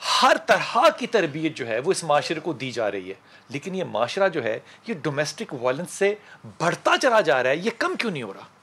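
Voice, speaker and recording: A man's voice: a little high, huge pitch swings, normal speed, bright, forceful tone, slightly rough. A man hosting a studio talk show, asking pointed questions and telling a story.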